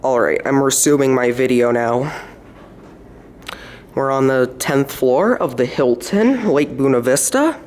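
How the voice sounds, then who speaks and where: A man talks slowly and casually into a handheld camera as he rides hotel elevators, pointing out details as he goes. His voice sits at a medium pitch, with faint background hum. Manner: relaxed, pointing things out as he goes. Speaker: elevator enthusiast filming. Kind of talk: casual narration while filming. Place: hotel elevators and hallway, indoors.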